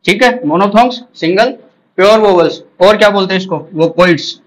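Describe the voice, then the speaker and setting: Indian male teacher, high voice, drilling exam questions. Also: brisk, rough recording. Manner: drills with repeated questions and answers. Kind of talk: exam-prep lecture.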